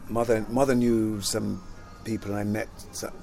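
An older man who grew up in London after being born in Jamaica, an actor and singer reminiscing in a relaxed interview, rambling and repeating words, often laughing. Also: fairly low pitch, moderate pace, gravelly, soft background music.

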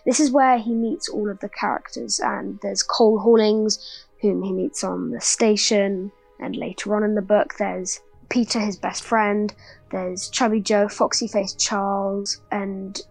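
Young woman actor chatting, crackly fry, faint music. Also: medium pitch, steady tone, unhurried, darkish tone, no room sound. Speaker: actor being interviewed. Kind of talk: casual chat.

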